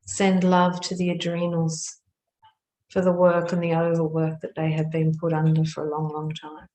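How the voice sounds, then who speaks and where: A woman guides a meditation in a low, very even voice, speaking hushed, measured phrases with pauses. The recording is roomy and echoing.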